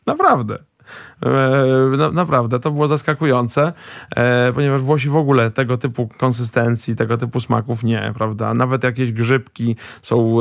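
A man chatting as a guest expert in a rambling way, often pausing with fillers and tagging questions onto his sentences. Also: mid-range voice, gravelly, no room sound, studio quality. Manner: frequent hesitant fillers and restarts. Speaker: guest expert on Italian food. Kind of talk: casual chat.

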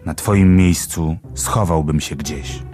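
A man's voice: a bass voice, slow, a little mellow, faint music behind. A man doing a grumpy old stick insect. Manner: curt, grumbling advice.

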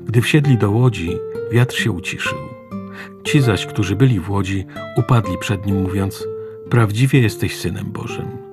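Man, low voice, solemn measured scripture reading, guitar music underneath. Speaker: scripture reader. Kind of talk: reading the Gospel aloud.

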